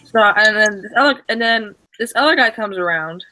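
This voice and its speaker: Bright-voiced man telling a rambling story. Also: sits high, normal speed, low-quality recording. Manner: rambling, many restarts and fillers; acts out quoted dialogue excitedly. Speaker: stream co-host. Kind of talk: casual storytelling.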